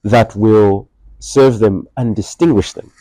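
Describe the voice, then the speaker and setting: A man's voice: lowish voice, slow pace, dark tone, dry recording, low-quality recording. A man hosting an interview, attentive and offering frequent short acknowledgments. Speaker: interviewer host. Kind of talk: interview conversation.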